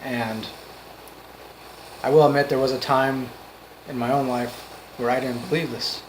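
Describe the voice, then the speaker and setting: A man giving an off-the-cuff motivational monologue, earnest and emphatic, in halting phrases that repeat for emphasis. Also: medium pitch, steady tone, background noise. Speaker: amateur motivational speaker.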